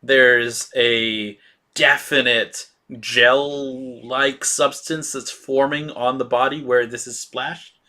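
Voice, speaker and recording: A man running a tabletop role-playing game as game master, describing scenes in a halting way with many fillers. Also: medium pitch, fairly even intonation, pushed and bright.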